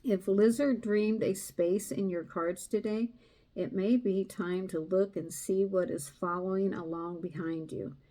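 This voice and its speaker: Slow, soft-spoken woman tarot reader. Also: mid-range voice, steady tone. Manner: hesitant, many fillers; soft-spoken, reading aloud from a card book. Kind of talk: casual tarot reading video.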